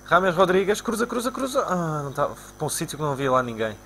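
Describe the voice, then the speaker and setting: A young man from Portugal with a European Portuguese accent, commentating his own football video game live and shouting at his players. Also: quick pace, a little hiss or hum. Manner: excitable, shouts at players and spikes into high-pitched cries. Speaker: gaming YouTuber.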